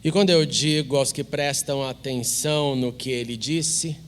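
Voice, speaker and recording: A man with a Brazilian Portuguese accent, a pastor reading scripture, praying and preaching in a slow, measured, solemn way. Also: medium pitch. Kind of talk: sermon with scripture reading and prayer.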